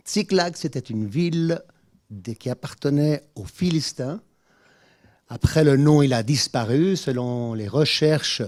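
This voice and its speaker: Lively-voiced preacher with a Spanish background. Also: male voice, on the high side. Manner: informal, apologetic asides and restarts while preaching. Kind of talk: sermon. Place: church.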